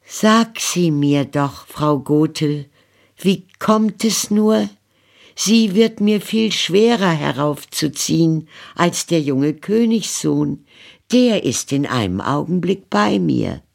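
A woman's voice: low-pitched, expressive, slow pace, creaky, pitched above the performer's own voice, heavily acted. A woman reading a fairy tale audiobook, voicing a naive young girl locked in a tower who pleads and wonders in a childlike way. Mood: innocent.

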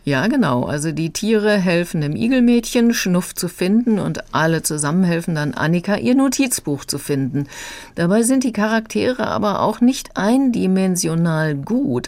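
A woman reviewing a children's audiobook on the radio, calm and explanatory. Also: fairly low pitch, no room sound. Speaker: book critic.

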